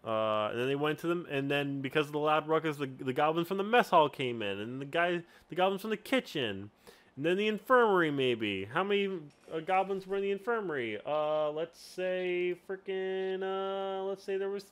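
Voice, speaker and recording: A man's voice: on the high side, animated, normal speed, smooth. A man hosting a casual tutorial as a game master, talking in a rambling way with lots of restarts. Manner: rambling, full of fillers and restarts. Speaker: game master and channel host.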